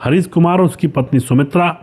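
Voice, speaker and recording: A man telling a story in a relaxed, chatty way, talking to his listeners as friends. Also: on the high side, fast talker. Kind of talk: casual spoken storytelling.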